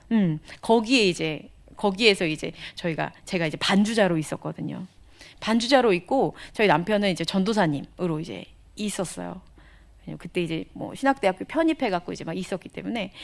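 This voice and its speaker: Woman missionary telling her testimony, chatty and animated, slips into whispers sometimes. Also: fairly low pitch. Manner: conversational, animated storytelling with whispered asides. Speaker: missionary speaker. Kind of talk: testimony sermon.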